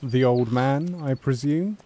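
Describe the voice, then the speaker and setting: A man's voice: medium pitch, takes it slowly, warm tone, slight background noise. A man casually talking through a game as a let's-play host, musing aloud about what to do next. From United Kingdom. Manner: musing, talks himself through choices. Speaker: gaming channel host.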